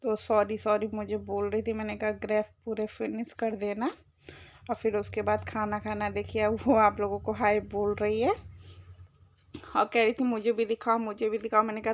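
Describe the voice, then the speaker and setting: A woman's voice: mid-range voice, little pitch movement, normal speed, no echo. A woman in her thirties narrating her day with her daughter as a casual family vlog voice-over. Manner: chatty, narrating daily life to viewers. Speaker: family vlogger.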